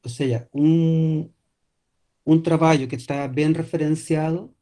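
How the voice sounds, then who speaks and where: A Chilean guest lecturer, native in Spanish and speaking with a Chilean accent, presents an academic lecture online by video call, with frequent hesitations and restarts. His slightly high voice is steady, unhurried, and mellow.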